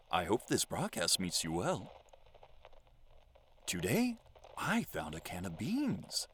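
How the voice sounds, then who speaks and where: A man's voice: lowish voice, fairly bright tone, slight background noise, exaggerated voice. A man playing an eccentric, lonely survivor who hosts his own radio show, speaking in a theatrical, flowery, mock-formal way. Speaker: lone radio broadcaster. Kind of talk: audio drama monologue.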